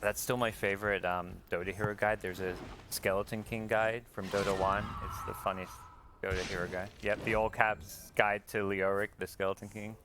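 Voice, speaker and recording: A man's voice: lowish voice, level tone, moderate pace, background noise. A man giving casual, chatty esports commentary as one of the casters.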